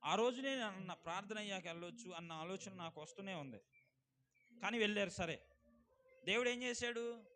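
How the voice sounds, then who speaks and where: A male pastor preaching a sermon, swinging from loud exclamations to quiet asides and asking the congregation questions. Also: sits high, fairly quick, pauses often. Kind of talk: Telugu church sermon.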